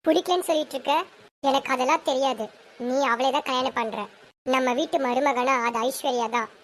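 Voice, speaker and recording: A woman's voice: high-pitched, fairly quick, a little hiss or hum, close to an everyday voice. A woman playing a stern, domineering mother who talks in commands and threats, in a homemade serial drama. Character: stern domineering mother, woman, forcing her son's marriage.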